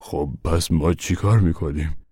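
A man's voice: extremely low pitch, dark tone, breathy edge, dry recording, studio quality. An actor playing the worried father of a poor family, asking plain questions.

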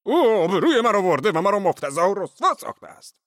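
A man voicing a huge, hot-tempered male villager who shouts threats and hisses with rage in an audiobook. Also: high-pitched, sing-song, no room sound, clean studio sound, pitched above the performer's own voice, heavily acted. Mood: raging. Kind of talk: audiobook character voice.

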